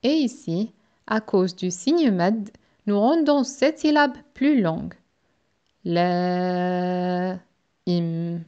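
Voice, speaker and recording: Woman teacher going syllable by syllable, really slow, soft mellow voice, kinda dull lo-fi sound. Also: on the high side, lively intonation. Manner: drawn-out syllable drills, patient. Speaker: Quran reading teacher. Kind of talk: slow step-by-step reading lesson.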